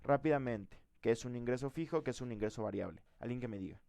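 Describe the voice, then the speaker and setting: A man leads a live programming lesson, his voice carrying a gravelly edge. He thinks out loud and keeps checking in with the class through quick questions. The sound is dry and close. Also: mid-range voice, no room sound. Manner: thinks aloud, quizzes the class, frequent "¿va?". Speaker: programming teacher.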